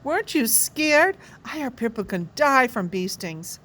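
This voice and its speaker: A woman's voice: on the high side, very animated, a little slow, fairly bright tone, exaggerated voice. A woman reading aloud, voicing a gushing young schoolgirl who coos over a boy. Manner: cooing, breathy, fawning.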